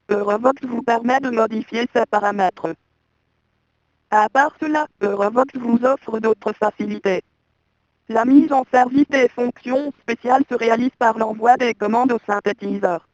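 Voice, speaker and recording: Robotic synthesized voice, stiff, dry, dull lo-fi audio. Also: male voice, very high-pitched, normal speed, dry recording.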